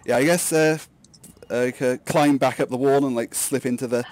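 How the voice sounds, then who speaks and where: A man's voice: medium pitch, fairly even intonation, normal speed, a little mellow, no echo. Hesitant male tabletop player, dry recording. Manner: hesitant, repeating phrases. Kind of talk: casual game talk.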